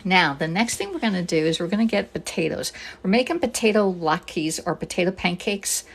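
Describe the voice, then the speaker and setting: A woman's voice: on the low side, lively intonation, brisk, slight background noise. A middle-aged woman from Pennsylvania casually demonstrating a recipe in her home kitchen on a live stream, talking through each step and greeting viewers. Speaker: cooking demonstrator and kitchenware consultant.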